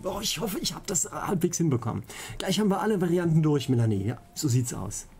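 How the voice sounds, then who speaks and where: A man's voice: a little high, big pitch swings, quick pace, darkish tone. A man hosting a let's play, chatting casually and playfully repeating words to himself as he plays. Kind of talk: casual gameplay commentary.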